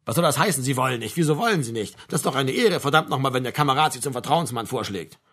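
A man voicing a gruff, booming older male sergeant major who bosses and mocks young recruits, in an audiobook. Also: lively intonation, fast talker, fairly bright tone. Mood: bossy. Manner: booming, bossy.

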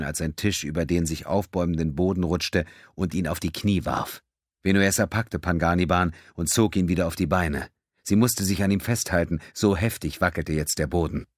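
A man narrating a science fiction audiobook in a steady storytelling manner. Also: low voice, no echo, studio quality. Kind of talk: scripted narration.

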